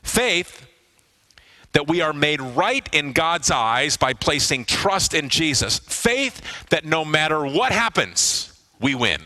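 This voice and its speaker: A pastor delivers a sermon in a bright, forceful voice that sits a little high for a man. He is middle-aged and leans into pauses, letting key words fall low for emphasis. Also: very animated. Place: church hall with congregation.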